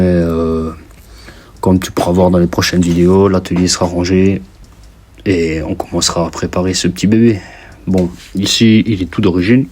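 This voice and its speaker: A man's voice: deep voice, a little mellow. A man with a Belgian French accent, talking casually to camera in his basement workshop, informal and chatty. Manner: chatty, informal, calls the viewer "mon copain". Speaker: YouTuber and mechanic. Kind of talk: casual vlog talk to camera.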